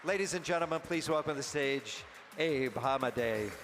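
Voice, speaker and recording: A man serving as emcee at a luncheon, making chatty, unhurried announcements with some halting restarts. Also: mid-range voice, over a noisy crowd. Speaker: event emcee. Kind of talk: event hosting announcements. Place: luncheon banquet hall. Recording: long hall reverb, faint noise.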